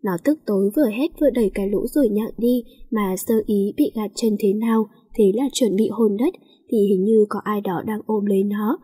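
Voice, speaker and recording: A woman reading a story aloud in a steady, even way as storyteller. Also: medium pitch, moderate pace, husky. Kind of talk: scripted story narration.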